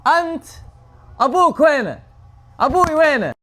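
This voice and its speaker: Saudi guy with a really high voice, prank chatting, repeats simple little phrases. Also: very animated, moderate pace, pushed and bright. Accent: Saudi Arabic. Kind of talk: prank phone chat.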